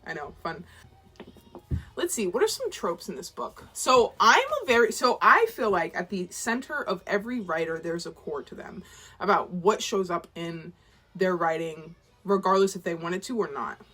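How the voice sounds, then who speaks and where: A young woman in her twenties vlogs about her own work in a loose, rambling way. Her voice is bright and clear, and her pitch bounces around a lot. She pokes fun at herself as she goes. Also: expressive, moderate pace. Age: 20s. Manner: rambling, self-deprecating, chatty. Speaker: author and vlogger. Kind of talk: casual vlog ramble.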